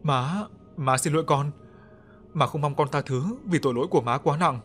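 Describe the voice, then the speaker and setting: A man's voice: fairly high pitch, normal speed, a bit bright, faint music behind, natural voice. A man voicing a tearful, frightened young mother. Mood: pleading. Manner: tearful pleading.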